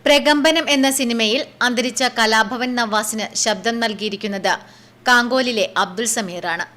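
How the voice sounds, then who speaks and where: A woman reporter narrating a news story in clear, formal speech. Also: a little high, sharp tone.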